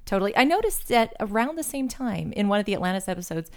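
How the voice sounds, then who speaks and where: A woman's voice: mid-range voice, sing-song, quick pace. A woman co-hosting a casual interview, enthusiastic and laughing along often. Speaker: podcast co-host.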